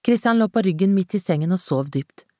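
A woman with a fairly low voice reads a novel aloud in a measured, dramatic way. The recording is close and dry, with no room sound. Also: expressive, mellow, no echo. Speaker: audiobook narrator. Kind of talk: scripted narration.

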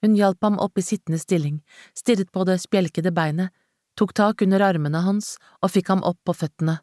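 A woman narrating a novel in a measured, dramatic storytelling manner. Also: lowish voice, a little mellow, dry recording. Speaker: audiobook narrator. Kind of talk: scripted narration. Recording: dry close studio sound.

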